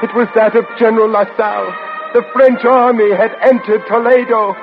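A man's voice: high voice, steady tone, normal speed. A man acting a tormented, despairing male prisoner in an old radio drama, theatrical and anguished in delivery. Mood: horrified recounting. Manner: theatrical, anguished, literary phrasing. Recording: tinny vintage radio broadcast, music behind.

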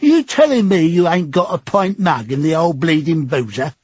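A man's voice: fairly high pitch, lively intonation, moderate pace, a little mellow, slightly rough, no echo, voice pushed up. A man voicing a pugnacious, grumbling old working-class drinker, in an audiobook. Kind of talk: audiobook character voice. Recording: dry, dull lo-fi.

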